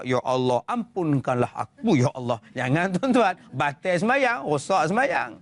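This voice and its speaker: A man's voice: high voice, no echo. A man with a Malaysian Malay accent giving a religious lecture, answering audience questions and telling funny stories with acted-out voices. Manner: humorous storytelling, acts out voices. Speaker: preacher.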